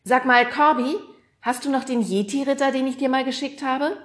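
A woman reading an audiobook, voicing a jovial, joking rich middle-aged man who talks loud and hearty. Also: high-pitched, normal speed, pitched above the performer's own voice. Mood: jokey.

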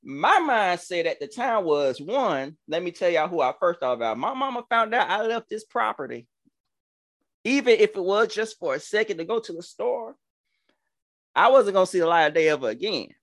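A man's voice: high voice, very animated, normal speed, fairly bright tone, dry recording, studio quality. Fervent Georgia-accented preacher man. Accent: Southern US (Georgia). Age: 30s. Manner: fervent, preacherly, stammering restarts. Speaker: podcast host, minister. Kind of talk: testimony-style storytelling.

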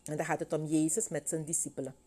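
A middle-aged woman delivers a sermon with a warm, slightly husky and fairly low voice. She retells Bible stories with animated storytelling and briefly takes on the voices of the people in them. Her tone rises sharply when she acts out a line. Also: fast. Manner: animated storytelling, acting out voices of biblical figures. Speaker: preacher.

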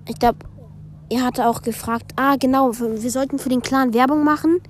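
Girl reading her group chat out loud for a vid, kinda high voice, chatty little side comments. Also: fairly even intonation, a little hiss or hum. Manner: casual, with quick asides between read-out messages. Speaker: vlogger.

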